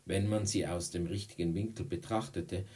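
Deep, dark-voiced male narrator. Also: fairly even intonation, normal speed. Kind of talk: audiobook reading.

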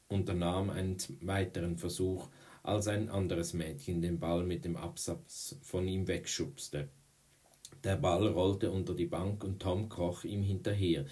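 A man's voice: low-pitched, mellow. A man reading a children's novel aloud, often slipping and correcting himself. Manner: frequent slips and self-corrections. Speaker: reader.

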